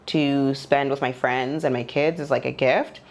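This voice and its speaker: A woman's voice: rumbling low, fairly even intonation, a little slow, slight background noise. A woman in her forties from Nigeria, a podcast guest speaking candidly and reflectively at home, with a loose, open way of talking. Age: 40s. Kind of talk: candid personal conversation.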